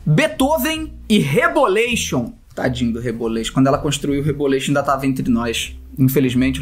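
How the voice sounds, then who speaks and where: A man hosting casual, comic commentary as he rates viewers' game builds, excitable and given to shrill mock-outraged outbursts. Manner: jokey, teasing, reads viewer messages aloud. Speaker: host rating viewer builds.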